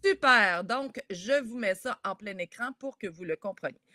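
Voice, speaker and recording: A Québécoise woman on a video call, walking children through a poem step by step. Her voice sits at a middle pitch, and the sound is dry and close, with no room around it. She sounds lively and encouraging as she speaks straight to the kids. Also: moderate pace, no echo. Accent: Québécois French. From Quebec. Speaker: children's author leading a workshop. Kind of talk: teaching schoolchildren over a video call.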